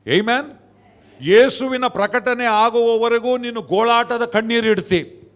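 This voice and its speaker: A male pastor with a Kannada accent, preaching a sermon in church with loud hallelujah shouts and quick asides. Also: very high-pitched.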